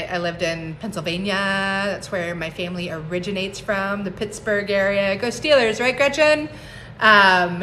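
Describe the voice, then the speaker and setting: A woman's voice: mid-range voice, pushed and bright, a little hiss or hum. A woman in her forties, a herbalist, chatting casually on a phone livestream, laughing often and greeting viewers by name. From United States. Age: 40s. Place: home on a mountain, indoors.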